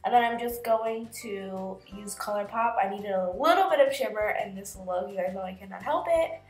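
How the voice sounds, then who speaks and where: Speaking at a medium pitch and normal speed, a woman in her twenties with a cold chats her way through a casual makeup tutorial. The camera sits close in her small bedroom, which echoes over faint music, and she explains each step with plenty of fillers.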